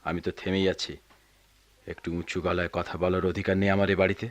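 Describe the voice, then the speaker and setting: A weary, bitter middle-aged father in a 1990s radio drama, played by a man, with a very deep, low voice. He speaks with tired resentment and at times raises his voice in frustration. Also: little pitch movement, fairly quick, no room sound, close to an everyday voice. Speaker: father of grown children.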